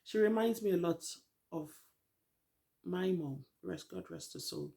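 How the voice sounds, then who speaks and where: A woman's voice: lowish voice, unhurried, vocal fry, dark tone. A middle-aged woman talks through a reality show in a loose, rambling vlog recap. She is candid and opinionated, and she sounds a little worn out. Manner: chatty, rambling, frank opinions. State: tired, hasn't eaten. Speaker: vlogger. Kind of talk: casual TV recap commentary.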